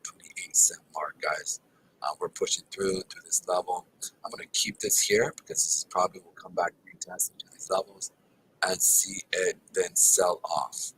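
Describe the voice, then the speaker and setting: Tired deep-voiced man talking through charts. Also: a bit bright, slight background noise, poor audio. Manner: casual, filler-heavy, addresses viewers as guys. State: tired and exhausted; throat not feeling well. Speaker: crypto charting analyst. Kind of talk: live market chart commentary.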